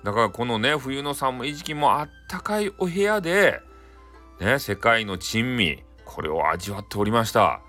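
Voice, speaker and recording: A storyteller with a Hakata accent tells a bedtime folktale in a chatty, folksy manner, often speaking directly to his listeners. His medium-pitched voice swings widely in pitch at a normal speed with a sharp tone, while soft music plays in the background.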